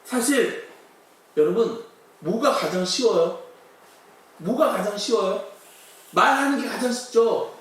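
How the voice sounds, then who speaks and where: A man's voice: high-pitched, lively intonation, takes it slowly, long pauses, fairly bright tone. A man preaching a sermon who asks many rhetorical questions and acts out quoted complaints. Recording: very echoey hall from far off.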